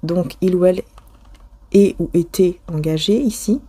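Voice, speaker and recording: A woman's voice: on the low side, measured pace, mellow, husky, no echo. Hesitant woman reading tarot cards. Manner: hesitant, restarts often, many fillers; addresses viewer directly, intimate. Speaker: tarot card reader. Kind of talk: casual spoken tarot reading.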